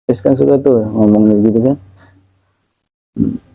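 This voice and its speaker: A man with a low, warm, very mellow voice leads a relaxed religious study lesson. He recites Arabic slowly, explains each phrase, and turns to his students in a chatty way. The recording is dry and a bit dull, like a lo-fi room take. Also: gravelly, no echo. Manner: talks directly to students by name in a casual way. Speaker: religious teacher.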